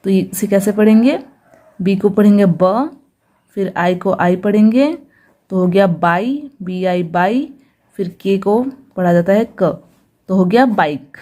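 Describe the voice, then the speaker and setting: A woman gives a phonics lesson at an unhurried pace, spelling out each word letter by letter. Her voice is soft and mellow, and she repeats every sound patiently. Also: medium pitch. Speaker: English teacher.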